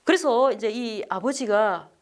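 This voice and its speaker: Lively, high-voiced nun telling a story. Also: female voice, measured pace. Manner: animated, acts out the people in her story; asks the audience questions.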